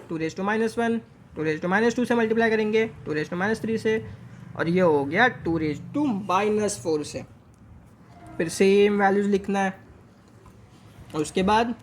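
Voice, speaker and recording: A young man with an Indian English accent teaching a maths lesson, switching between Hindi and English and slowing down to dictate each working step. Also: high voice, slight background noise.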